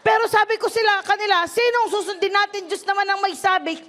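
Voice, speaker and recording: This is a middle-aged woman pastor giving a spirited testimony message at a brisk pace. Her delivery ranges from laughs and shouts to gentle, low murmurs.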